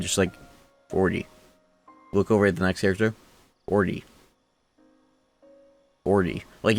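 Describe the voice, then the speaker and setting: A man streaming a video game, chatting casually and rambling into rants with plenty of swearing. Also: on the low side. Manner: rambling, ranty, swears freely. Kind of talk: casual livestream chat.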